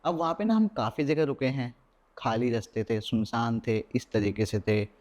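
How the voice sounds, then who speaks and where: A young adult man, a podcast guest, telling a personal horror story in a lively way and mixing English words into his Hindi. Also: medium pitch, moderate pace.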